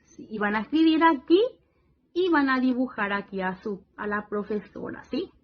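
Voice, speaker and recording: A woman teacher talking young children through a worksheet, slow and patient, often praising and checking they follow along. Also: fairly high pitch, expressive, highs cut off. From Paraguay region.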